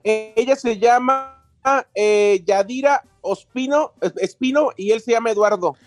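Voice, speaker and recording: A man on a radio show relaying listener messages in a relaxed, slightly hesitant way. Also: extremely high pitch, unhurried, no room sound, studio quality, soft background music. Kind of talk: casual radio chat.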